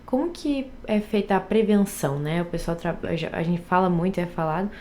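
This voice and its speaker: Female podcast host, mellow voice, casual questions, faint room noise. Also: lowish voice, brisk.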